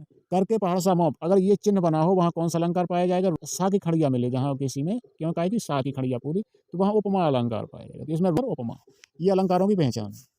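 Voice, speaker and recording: A man tutoring students for an exam in a rapid, informal patter. His voice sits a little high but sounds dark and mellow. He keeps asking his own questions and answering them, pointing out one line after another, and the recording is dry and close. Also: no echo. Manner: walks through a page, pointing at lines.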